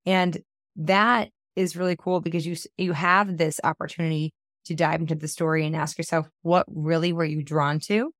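A book coach in her thirties hosts a podcast, speaking at normal speed in a low voice with fairly even intonation. She's upbeat and enthusiastic, slightly scratchy from a cold, offering an intro and casual chat in studio-quality audio without room sound.

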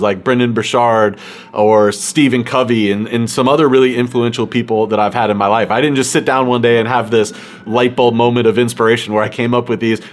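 Earnest man hosting a talk for accountants. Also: mid-range voice. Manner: earnest, reflective, motivational. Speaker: host of a podcast for accountants. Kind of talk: casual talk to the audience.

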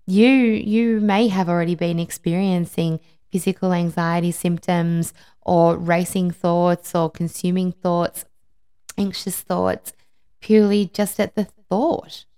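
A woman's voice: fairly low pitch, creaky, dark tone. A woman podcast host talking conversationally and empathetically, giving personal advice with emphatic repeated words. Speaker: podcast host, life and wellbeing coach.

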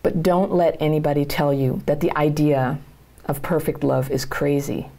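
A woman's voice: sits low, fairly even intonation, normal speed, warm tone. A middle-aged woman hosting her own channel, speaking straight to her viewers as a coach with earnest, plain-spoken encouragement. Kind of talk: direct-to-camera advice talk.

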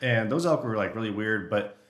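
A man's voice: on the low side, expressive, brisk, fairly bright tone. An American man chatting casually as a podcast guest, recorded in an echoey empty warehouse room. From eastern Oregon, United States. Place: makeshift podcast studio in warehouse.

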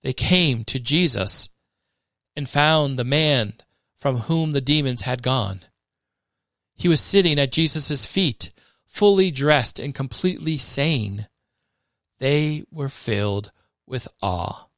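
A man giving a measured, expressive scripted reading of scripture for a podcast. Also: mid-range voice, dry recording, clean studio sound. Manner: measured, expressive reading that rises for dramatic moments. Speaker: scripture reader.

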